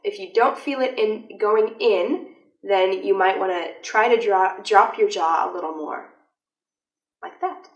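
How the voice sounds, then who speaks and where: A young adult woman giving a vocal lesson, explaining clearly and demonstrating with sung examples. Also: mid-range voice, measured pace, dull audio. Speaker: vocal instructor. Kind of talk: instructional voice lesson. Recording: roomy, from a distance, with faint music.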